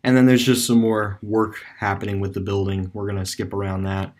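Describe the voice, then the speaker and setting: A man's voice: fairly low pitch, level tone, fairly quick, darkish tone. A man giving rambling, casual voice-over commentary on a screen-recorded map tour, with many fillers and restarts. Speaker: video creator touring a closed store on street view.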